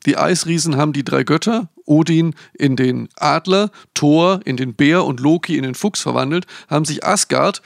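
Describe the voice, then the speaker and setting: A man's voice: fairly high pitch, moderate pace, vocal fry, few pauses, no echo, clean studio sound. A man casually retelling the plot of a children's book, loosely and with restarts. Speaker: book presenter. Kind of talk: casual book recommendation talk.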